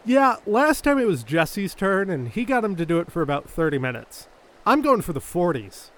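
A man's voice: high-pitched, big pitch swings, moderate pace, fairly bright tone. A man playing a smug sarcastic soldier. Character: sarcastic young male soldier, troublemaker. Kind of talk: comedic audio drama.

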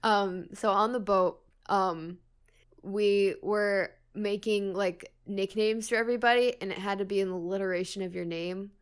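In her twenties, this podcast co-host keeps things casual, rambling through anecdotes, giggling and swearing freely. She speaks at a normal speed in a clear, resonant mid-range voice with fairly even intonation.

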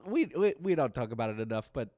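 A man's voice: mid-range voice, big pitch swings, fast, warm tone, dry recording. A man, co-hosting a music podcast in casual, rambling chat and laughing often. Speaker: podcast co-host.

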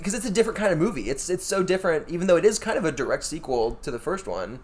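A man's voice: fairly high pitch, big pitch swings, rapid-fire, darkish tone. A man co-hosting a podcast in casual chat, often hesitating and restarting his sentences. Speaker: podcast co-host.

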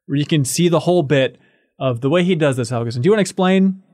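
A man's voice: on the high side, fast, dry recording, clean studio sound. A man hosting a podcast, chatting casually and playfully about music. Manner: animated, playful, acts out quotes. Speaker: podcast host. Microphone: studio microphone.

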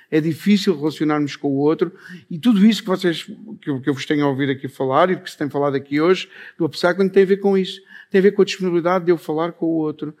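A man with a Portuguese accent giving a talk on stage about improvisation, speaking thoughtfully with frequent pauses. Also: fairly high pitch, darkish tone. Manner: thoughtful, pausing often. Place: on a stage before an audience.

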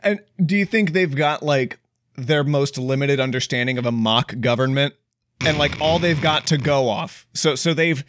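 A young man co-hosting a podcast, brainstorming ideas in an animated way and laughing often. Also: mid-range voice, moderate pace, no echo. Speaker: podcast co-host. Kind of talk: casual brainstorming chat.

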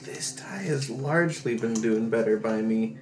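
A man's voice: mid-range voice, a little slow. A man chatting casually as a tabletop player, thinking aloud in a hesitant way. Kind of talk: casual game chat. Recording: echoey room, faint music behind.

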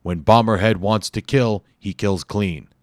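A man voicing a huge, hulking, masked male villain with a raspy New York accent and loud, swaggering talk. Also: fairly low pitch, measured pace, dry recording, studio quality, natural voice. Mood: cocky.

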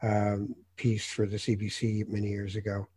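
A man from North Africa, a journalist hosting an interview, telling lively anecdotes with many hesitant fillers. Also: lowish voice, moderate pace, slight background noise. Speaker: host, journalist. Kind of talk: conversational interview storytelling.

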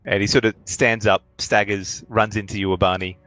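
A man's voice: on the low side, little pitch movement, brisk, sharp tone, soft background music, rough recording. A man narrating playfully as game master of a tabletop game.

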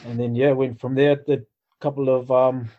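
Flat-toned Kiwi man, slightly muffled. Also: medium pitch, normal speed. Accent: New Zealand. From New Zealand. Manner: laid-back, informal. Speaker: podcast guest, builder. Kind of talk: casual chat. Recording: slightly dull, lo-fi sound.

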